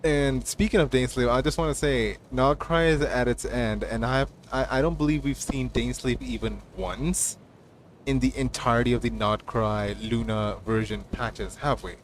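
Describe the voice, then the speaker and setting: A man's voice: mid-range voice, steady tone, moderate pace, slight background noise. A man streaming and chatting casually about game lore, rambling with lots of fillers and stammered restarts. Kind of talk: casual livestream chat. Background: game music.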